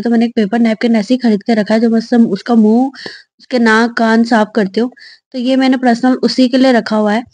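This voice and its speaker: A woman's voice: on the high side, dark tone, no echo. A young woman, a new mother, narrating her daily vlog in a chatty, personal voice-over.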